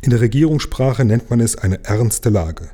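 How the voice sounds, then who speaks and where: A man's voice: medium pitch, animated, moderate pace, warm tone, lightly acted. Man putting on a fretful pompous old king. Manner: sighing, self-important official tone.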